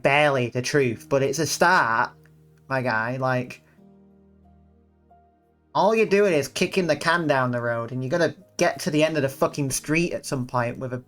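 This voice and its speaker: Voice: medium pitch, fairly bright tone. Game streamer, sarcastic and profane, rambling commentary, blind playthrough, faint music in the background.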